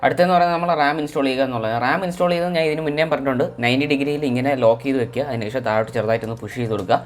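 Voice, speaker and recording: A man's voice: medium pitch, rapid-fire. A man narrating a tech tutorial in a casual, chatty, informal way. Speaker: tech vlogger. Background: background music.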